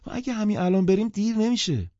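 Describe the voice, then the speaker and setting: Brief: gushing, tipsy society lady, as a male reader puts her on, high-pitched and pushed loud, lo-fi audiobook sound. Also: animated, dry recording, natural voice. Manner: gushing, insistent. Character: tipsy, overly friendly society woman. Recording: dull lo-fi audiobook recording.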